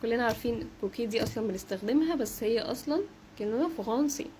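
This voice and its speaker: Woman, young, Egyptian Arabic accent, brisk French lesson, repeats example words, slightly high voice, faint background hum. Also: darkish tone. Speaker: French teacher. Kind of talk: short social media language lesson.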